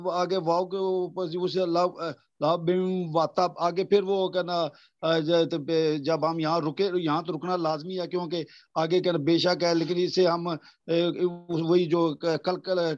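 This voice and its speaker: A man's voice: fairly high pitch, steady tone, muffled recording. A male student in an online tajweed class, explaining hesitantly and deferring often to his teacher.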